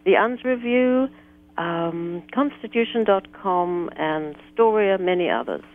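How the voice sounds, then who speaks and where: A woman from South Africa, a guest author speaking in an articulate, measured way during a political talk radio interview. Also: lowish voice, expressive. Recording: tinny phone line.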